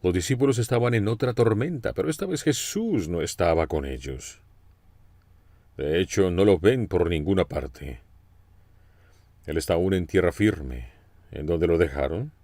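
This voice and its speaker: A man's voice: sits low, lively intonation, unhurried, darkish tone, dry recording. A man preaching a sermon, telling the story expressively and asking his listeners direct questions.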